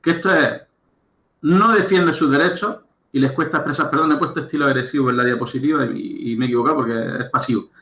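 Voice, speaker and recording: A man's voice: mid-range voice, quick pace, a bit bright, reverberant. A man giving a recorded lecture as a coach, explaining step by step and often checking understanding with "right?". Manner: explanatory, checks understanding with frequent "¿de acuerdo?" and "¿vale?".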